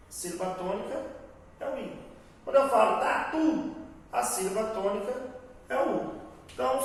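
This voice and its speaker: A man's voice: high-pitched, fairly bright tone. A man with a Brazilian Portuguese accent teaching grammar in an online class, explaining patiently and often checking in with the class. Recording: very echoey room, voice far from mic, faint hiss.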